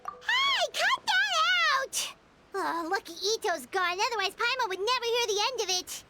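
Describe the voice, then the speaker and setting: Paimon, a squeaky chirpy sprite. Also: female voice, brisk. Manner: talks about herself in third person, bossy and teasing. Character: tiny floating female companion sprite, excitable and boastful. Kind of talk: video game voice acting. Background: loud game music.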